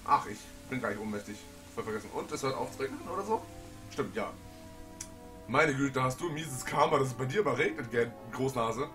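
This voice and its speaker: A man giving jokey, animated commentary while playing a game. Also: medium pitch, a little fast, music in the background. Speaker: let's play gamer. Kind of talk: casual gameplay commentary.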